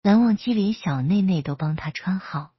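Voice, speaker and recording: A woman storyteller reading a romance story aloud in a soft, even manner. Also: mid-range voice, moderate pace, breathy edge, dry recording, dull audio.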